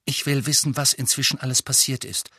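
A man's voice: mid-range voice, steady tone, fairly quick, sharp tone, husky, no echo, studio quality, pitched above the performer's own voice. A man voicing an earnest, determined teenage boy who asks direct questions, in a read-aloud story.

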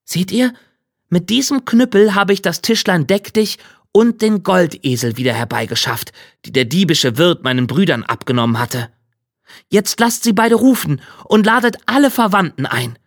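Guy doing a bright eager young craftsman, a bit boastful, higher voice, dry sound. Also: animated, normal speed, no echo. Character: young male turner journeyman, proud and bold. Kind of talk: fairy tale voice acting.

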